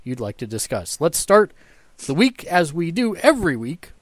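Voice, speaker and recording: A man's voice: a little high, normal speed, dry recording. Chatty male podcast host, dry sound. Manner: relaxed, chatty, laughs often. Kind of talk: casual podcast chat over video call. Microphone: video call mic.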